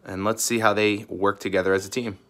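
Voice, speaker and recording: A man's voice: lowish voice, flat delivery, a little fast, fairly bright tone. A male teacher giving a recorded lesson to fourth graders, upbeat and addressing them directly. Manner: upbeat, talks directly to children.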